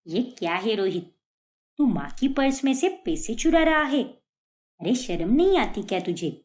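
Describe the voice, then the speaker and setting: A woman's voice: a little high, sing-song, normal speed, darkish tone. A woman voicing an indignant young daughter in a cartoon, pleading and accusing. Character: young daughter, upset, accuses her brother. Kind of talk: cartoon voice acting.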